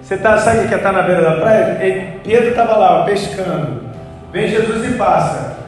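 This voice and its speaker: A man preaching a lively, joking, storytelling sermon. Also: sits high, normal speed. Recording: echoey church hall, far mic, faint music.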